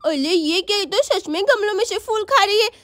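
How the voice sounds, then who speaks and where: Brief: woman playing a bossy, whiny little village girl in a doll story; shrill, squealing, complaining. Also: expressive, a little fast, a bit bright. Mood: shooing.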